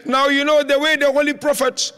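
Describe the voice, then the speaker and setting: A man's voice: extremely high pitch, level tone, brisk, pushed and bright. A man preaching a mournful sermon in a large hall, half chanting and half sobbing as he recounts a lament. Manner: chanting, tearful lament with sung and sobbing lines. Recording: long hall reverb.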